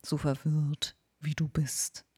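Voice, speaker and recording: A woman voicing a wise old male owl in a whispered role-play, talking slowly and hooting between words. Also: sits low, flat delivery, darkish tone, slightly rough, heavily acted. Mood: drowsy, knowing.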